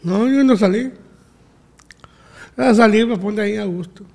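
A man's voice: high-pitched, a little slow, vocal fry, a little mellow. A man, a guest in a casual interview, giving short, clipped, playful and boastful answers. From Mexico, Culiacán.

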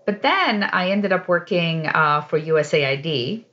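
A speaker from Poland answering interview questions thoughtfully, pausing on fillers. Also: mid-range voice, animated. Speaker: guest, program leader. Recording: dull lo-fi audio.

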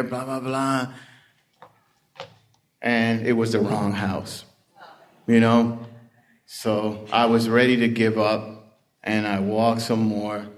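A man tells his recovery story at an easy, unhurried pace. His voice sits at an ordinary middle pitch, and he talks loosely, with lots of "you know," as he acts out the lines of the people he met. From Puerto Rican heritage. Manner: conversational storytelling with frequent "you know" and acted-out quotes. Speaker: recovery speaker. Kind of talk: storytelling share at a recovery meeting.

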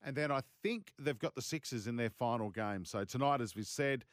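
A man's voice: medium pitch, fairly quick, dry recording, studio quality. A man with an Australian accent hosting casual sports talk. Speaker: sports radio host.

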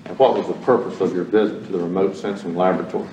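A man's voice: low-pitched, fairly even intonation, racing, warm tone, muffled recording. A man questioning a witness formally in a courtroom, heard from an old archival trial tape. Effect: old archival 1979 courtroom tape. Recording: echoey, distant, noisy old tape.

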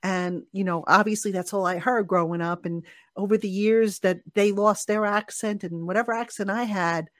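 A man's voice: steady tone, moderate pace, fairly bright tone, dry recording. A man hosting a live sports talk show, rambling and self-deprecating, with frequent stammered restarts. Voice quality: high voice, not a radio voice by his own account. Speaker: sports podcast host.

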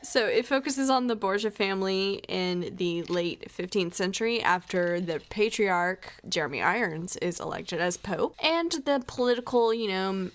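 A woman's voice: medium pitch, animated, normal speed, few pauses. A woman co-hosting a podcast in casual chat, chatty and self-deprecating. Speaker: podcast co-host.

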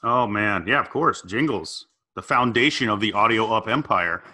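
A man's voice: lowish voice, moderate pace. A man co-hosting a casual comedy podcast, telling stories and acting out the voices of the people in them. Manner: animated storyteller, acts out quoted voices. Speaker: podcast co-host.

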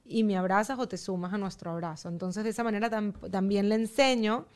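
A woman guest on a podcast, speaking calmly and in a measured way as she explains her parenting approach step by step. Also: mid-range voice. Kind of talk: casual chat.

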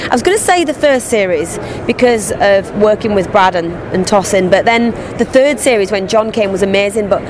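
A woman in her thirties from England, with a regional English accent that isn't London, chats enthusiastically as a guest actress in a casual convention interview, often restarting her sentences. Her mid-range voice has lively intonation and moves fairly quickly with few pauses. Traffic noise can be clearly heard outdoors.

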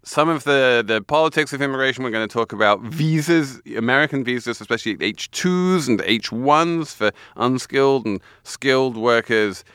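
A man's voice: mid-range voice, moderate pace, hardly any pauses, a bit bright, clear, resonant tone, dry recording, studio quality. A British man hosting a podcast in a conversational manner. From United Kingdom. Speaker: podcast host. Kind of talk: conversational show hosting and sponsor reads. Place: studio.

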